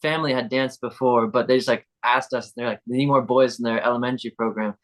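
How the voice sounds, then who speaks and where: A man's voice: mid-range voice, fairly even intonation, fast talker, a bit bright. A young man of eighteen from Utah answering interview questions in a casual, chatty way. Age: teens. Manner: casual, chatty, laughs between phrases. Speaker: guest.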